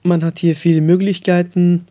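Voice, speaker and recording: Hesitant young man, dark flat voice. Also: sits high, moderate pace. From Afghanistan. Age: young adult. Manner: hesitant, searching for words, many fillers. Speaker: guest. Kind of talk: radio interview.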